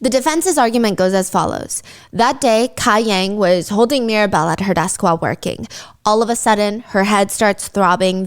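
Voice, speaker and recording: Chatty woman telling a true-crime story. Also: mid-range voice. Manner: lively, acts out quotes in character. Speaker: podcast host.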